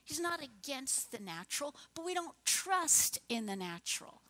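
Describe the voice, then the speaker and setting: A woman preaching a sermon, retelling the story and acting out the voices of its people, with swings between hushed, tender passages and loud, emphatic urging. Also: sits high, sing-song, moderate pace, dry recording.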